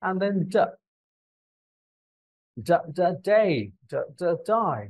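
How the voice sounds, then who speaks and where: Slow, animated woman drilling English sounds. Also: medium pitch. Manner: repeats sounds and drills words one by one; mixes Bengali explanation with English examples. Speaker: English teacher. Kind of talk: pronunciation lesson.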